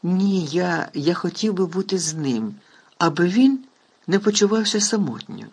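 A man with a husky voice voicing an emotional, big-hearted half-giant gamekeeper in a storybook reading. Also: high-pitched, lively intonation, a little slow, a little mellow, pitched above the performer's own voice, exaggerated voice. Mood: pleading. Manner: sobbing, wailing, overjoyed.

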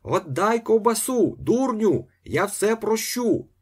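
Man doing a brash shouting swindler. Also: fairly low pitch, very animated, normal speed, slightly rough, full character voice. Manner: loud, jeering shouts. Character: brash young male swindler shouting in pursuit.

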